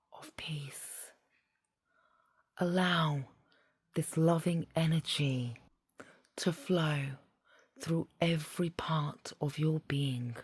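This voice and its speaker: A woman leading a guided meditation in a soft, half-whispered voice, soothing and deliberate, phrase by phrase. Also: low-pitched, slightly rough, dry recording.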